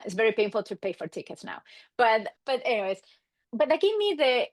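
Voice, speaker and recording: A middle-aged Argentine woman, a marriage and family therapist and native Spanish speaker with an Argentine accent, appears as an interview guest telling stories casually. She is animated and acts out quoted exchanges. Her voice is a little high and fairly quick, recorded with no echo.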